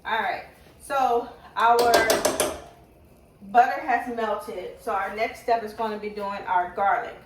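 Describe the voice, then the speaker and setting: A woman's voice: medium pitch, slow. Woman with braces in a roomy kitchen. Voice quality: speaking with braces. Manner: informal, thinking aloud. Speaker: home cooking vlogger. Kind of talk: casual cooking demonstration. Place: home kitchen. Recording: roomy, distant mic, faint noise.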